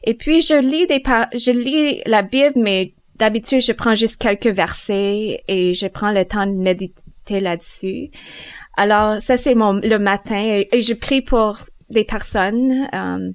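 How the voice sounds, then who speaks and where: At home, a mother answers interview questions about faith thoughtfully and hesitantly, searching for words and laughing softly. Her medium-pitched voice is smooth and a little slow, and the recording is dry.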